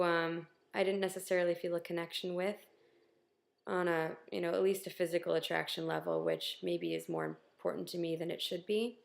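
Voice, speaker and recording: A woman's voice: on the low side, gravelly. A woman talking candidly to her viewers in a casual video diary, with lots of ums and wry self-deprecation. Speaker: vlogger.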